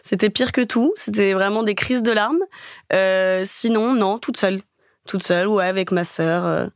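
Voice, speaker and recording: A woman's voice: mid-range voice, moderate pace, no echo. Young woman, podcast guest, candid and chatty, lots of euhs, dry close mic. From Paris, France. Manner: candid, chatty, many fillers. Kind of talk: casual interview chat.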